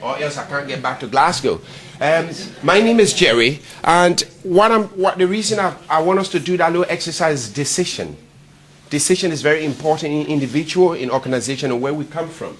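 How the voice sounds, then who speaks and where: Liberian man, fairly high voice, lively speaker quizzing a room, faint hiss. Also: fairly quick. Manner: animated, quizzes the audience. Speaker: charity presenter. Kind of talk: speech to a networking event. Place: meeting room.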